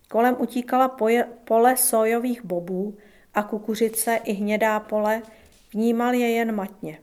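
A woman narrating a novel as an audiobook, in a calm, measured storytelling manner. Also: fairly high pitch.

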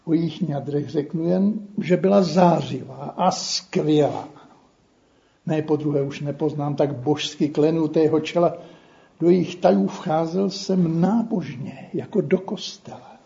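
A man recites poetry in a measured, tender way. His voice is gravelly and full of fry, fairly high for a man yet dark in tone. The recording is dull and lo-fi.

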